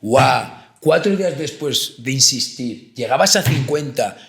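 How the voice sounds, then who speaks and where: A man, co-hosting a casual talk show and telling stories with lively acted-out quotes. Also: mid-range voice, a little slow, creaky, roomy sound. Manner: animated storyteller, acts out quoted voices. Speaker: podcast co-host, therapist. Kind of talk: casual conversation.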